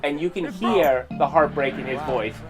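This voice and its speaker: A man hosting a comedy commentary show, mocking and sarcastic, with quick animated asides. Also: fairly high pitch, over music.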